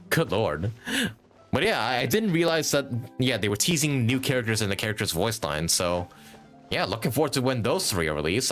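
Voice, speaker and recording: Over game music, a man livestreams with casual commentary, musing and thinking aloud. His voice is medium-pitched and a bit bright.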